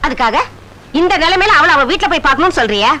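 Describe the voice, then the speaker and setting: A woman's voice: high-pitched, lively intonation, quick pace, sharp tone, low-quality recording. An actress playing a middle-aged mother who worries over her son and coaxes him, in a film soundtrack with music behind. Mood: pleading. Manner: coaxing, scolding tenderly. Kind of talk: film drama dialogue.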